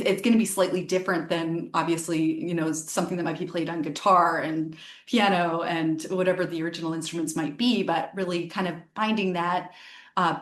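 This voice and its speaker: A harpist and singer from Northern Virginia, USA, answers interview questions chattily, thinking aloud with lots of ums and restarts. Her voice is fairly low, and the recording is reverberant.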